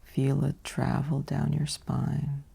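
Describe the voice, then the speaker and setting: Soft and whispery in ASMR fashion, a woman with a very deep, mellow voice leads a guided sleep meditation, heavy vocal fry running throughout. Short phrases arrive evenly and soothingly, each followed by a long pause.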